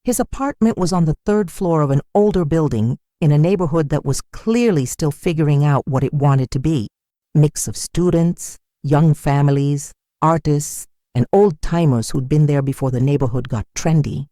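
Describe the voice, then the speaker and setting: A woman reading a scripted first-person story in an even, measured way. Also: low voice, dry recording, studio quality.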